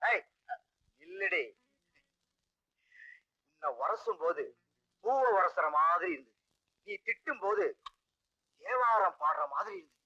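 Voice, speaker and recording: A sly scheming husband. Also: male voice, high voice, very animated, normal speed, creaky, long pauses, sharp tone, full character voice. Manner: wheedling, evasive. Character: sly scheming young husband, comic trickster. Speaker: film actor. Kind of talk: 1980s Tamil film dialogue. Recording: dull old film soundtrack with music.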